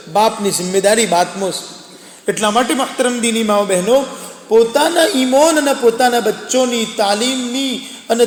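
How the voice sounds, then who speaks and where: High-voiced man preaching in an echoey hall. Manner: earnest, exhorting, repeats phrases for emphasis. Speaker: religious preacher addressing women. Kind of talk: sermon. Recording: echoey hall with long reverb.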